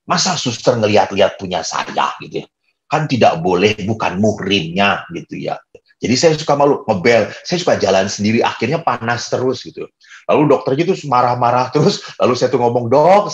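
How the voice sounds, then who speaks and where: Priest telling stories with humor. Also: male voice, mid-range voice, dull audio. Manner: storytelling with humor, acts out quoted voices. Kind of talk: sermon.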